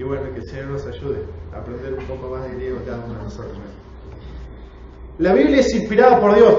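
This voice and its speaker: A man's voice: on the high side, dark tone, a little hiss or hum. A man with a Rioplatense Spanish accent leads a prayer and then teaches a Bible class, speaking earnestly and asking the class questions. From Argentina. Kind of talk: church class lecture with opening prayer. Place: church hall. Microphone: room recording from a distance. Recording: very echoey dull hall recording, distant.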